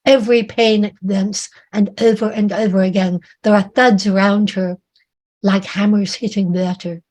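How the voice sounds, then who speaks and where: A woman author reading her own dramatic story aloud in a measured, vivid way. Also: mid-range voice, little pitch movement, a little mellow.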